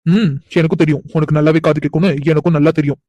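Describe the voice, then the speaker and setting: A woman plays a young man in a cartoon who teases and probes without raising his voice. The voice sits low and flat, with a dark, mellow tone, and the lines come out fast and unhurried at once. The sound is dry and close, with no room around it. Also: dry recording. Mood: insistent. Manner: unhurried, probing, quietly insistent. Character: calm teasing young man, a boss-like "sir". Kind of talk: animated cartoon dialogue.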